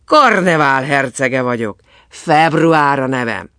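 A man voicing February, a merry young prince of carnival who loudly proclaims his love of fun. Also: medium pitch, expressive, dry recording, studio quality. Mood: exuberant. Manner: loud, exuberant, proclaiming.

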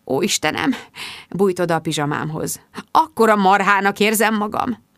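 A woman's voice: mid-range voice, no echo, close to an everyday voice. A woman reading an audiobook, voicing a flustered grown man who speaks in a sheepish, breathless way.

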